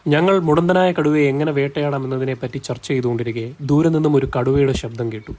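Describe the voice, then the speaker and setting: A man narrating a hunting adventure story as a storyteller, in a steady reading voice with dramatic pauses. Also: mid-range voice.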